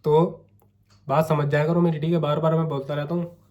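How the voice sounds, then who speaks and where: A man's voice: fairly high pitch, flat delivery, fairly quick, a little mellow, dull audio. A young man with a sore, coughing throat, chatting to camera in a casual vlog and coaxing his viewers. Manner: chatty, coaxing, keeps saying "theek hai". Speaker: vlogger.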